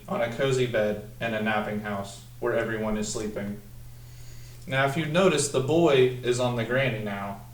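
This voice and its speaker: Practicing his read-aloud, this young man, a student teacher, speaks at a medium pitch while seated at a table in a small indoor room. His reading is slow and instructional, with drawn-out lines and questions aimed at young children. The distant camera mic, a few feet off, gives the sound a roomy echo.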